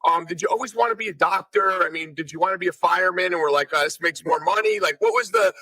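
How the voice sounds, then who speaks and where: A man hosting a podcast interview, casual and joking with quick interjections. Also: high voice, pushed and bright, dry recording, rough recording. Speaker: podcast host.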